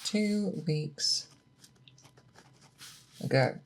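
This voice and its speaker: In a scripted ASMR roleplay monologue, a performer plays a patient, methodical monster hunter mentoring an apprentice. The mid-low, androgynous voice moves very slowly and deliberately, calm and focused, coaxing with questions over slight background noise.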